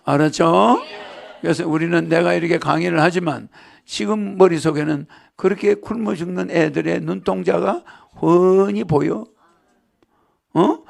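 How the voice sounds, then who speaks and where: This high, gravelly male voice belongs to a spiritual lecturer who takes his time. Addressing a live crowd, he wanders from point to point, joking and laughing with listeners and often tossing them rhetorical questions.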